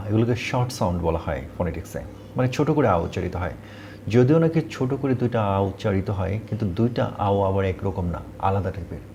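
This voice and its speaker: A man's voice: on the low side, a little mellow, a little hiss or hum. A man teaching English pronunciation, patiently repeating points and saying example words aloud. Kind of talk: explanatory lesson.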